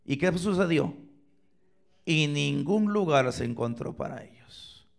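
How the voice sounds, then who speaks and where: Man, pastor, sermon, high voice, dramatic swings from loud to whisper, church. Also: lively intonation, takes it slowly, gravelly. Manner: asks the congregation questions. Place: church sanctuary, filmed for online viewers.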